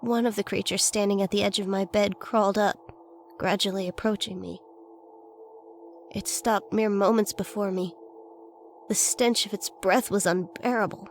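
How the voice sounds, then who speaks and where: Female horror narrator, scripted first-person tale, mid-pitched, slight background noise. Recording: faint noise and ambience behind voice.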